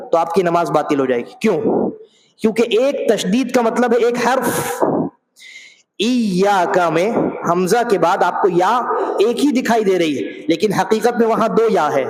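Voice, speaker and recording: A man teaching Quran recitation on a mosque microphone, explaining slowly and repeating sounds to demonstrate them. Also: high voice. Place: mosque prayer hall. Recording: echoey mosque hall.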